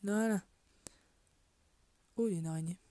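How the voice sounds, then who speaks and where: With a warm, medium-pitched voice at a moderate pace and no echo, a woman provides casual let's play commentary on a puzzle game. The gaming video creator mutters to herself, swears casually and keeps dropping to a half-whisper.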